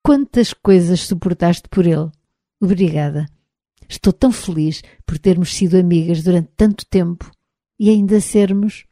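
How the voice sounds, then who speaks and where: A woman's voice: on the low side, moderate pace, warm tone, no room sound, studio quality, lightly acted. A woman with a European Portuguese accent reading the lines of a troubled middle-aged friend in an audiobook, murmuring and sarcastic in turn. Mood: conciliatory. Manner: murmuring, sarcastic then pleading.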